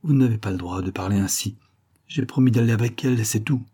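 A man reading aloud voicing a reserved, troubled woman who speaks in a quiet, restrained way. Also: fairly low pitch, fairly quick, slightly rough.

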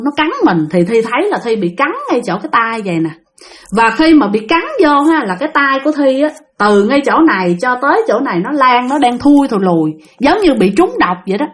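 A woman telling a spooky first-person story to her listeners, exclaiming often and calling herself by name. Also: high voice. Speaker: storyteller of spiritual experiences.

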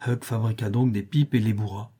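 Husky, dark-voiced male narrator. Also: fairly low pitch, fairly even intonation, brisk. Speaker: audiobook narrator. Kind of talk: scripted narration.

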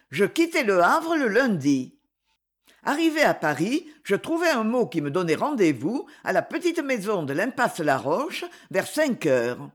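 Brief: a reader playing a composed accused woman, soft and measured. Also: mid-range voice. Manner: measured testimony, soft-voiced.

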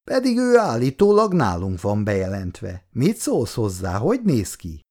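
A man's voice: wildly swooping pitch, darkish tone. A male reader voicing a fierce, emotional elderly mother who scolds her grown sons. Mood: pleased. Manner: scolding, shrill outbursts.

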